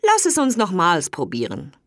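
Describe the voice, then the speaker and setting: A woman's voice: fairly low pitch, wildly swooping pitch, moderate pace, no echo, studio quality. A woman voicing two envious, scheming older brothers in a fairy tale. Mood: grudging.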